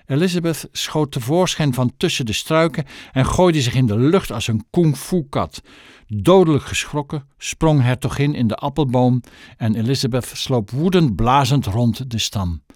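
Lively male storyteller. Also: medium pitch, moderate pace, dry recording, studio quality. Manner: expressive storytelling. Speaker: narrator. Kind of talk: audiobook narration.

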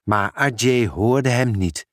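A man reading a children's story aloud in an expressive, unhurried manner. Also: medium pitch, no echo, studio quality. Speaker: narrator. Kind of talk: storybook read-aloud narration.

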